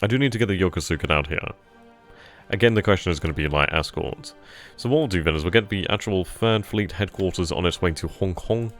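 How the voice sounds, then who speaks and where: A deep-voiced man hosts a strategy game stream, talking a little fast as he thinks aloud about his moves and casually answers questions from chat. Faint music plays in the background of this live commentary.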